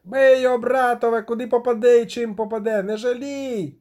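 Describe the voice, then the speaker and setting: A man shouting as a rowdy militia ringleader. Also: very high-pitched, steady tone, fairly quick, voice pushed up. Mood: bellowing. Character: rowdy male militia ringleader yelling orders.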